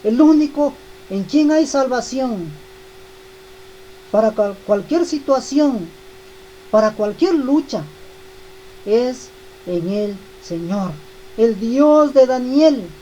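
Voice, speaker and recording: A woman's voice: on the high side, lively intonation, takes it slowly, pauses often, dark tone, muffled recording, slight background noise. A woman giving a devotional Bible teaching, speaking emphatically and repeating key phrases.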